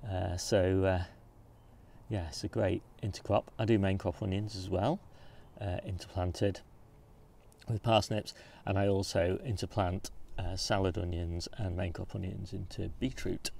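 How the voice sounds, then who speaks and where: A man's voice: low-pitched, measured pace, vocal fry. A man casually walking through his back garden, explaining his beds and plants as he films. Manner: relaxed, informative, pointing things out as he walks. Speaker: gardening channel host. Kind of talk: casual garden tour walkthrough. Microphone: handheld phone camera.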